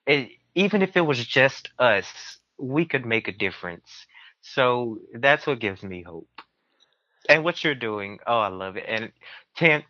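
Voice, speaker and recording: This man from the southern United States is a podcast guest, speaking casually and earnestly in an effusive, heartfelt way. His mid-range voice has a sharp tone, and the dry recording sounds muffled and band-limited.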